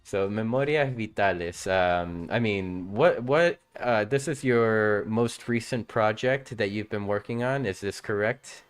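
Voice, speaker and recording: A man's voice: on the low side, measured pace, few pauses, clear, resonant tone, soft background music. A man hosting a casual live-streamed interview, laid-back and chuckling often, his speech hesitant with fillers. He was born in Ecuador. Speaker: talk show host.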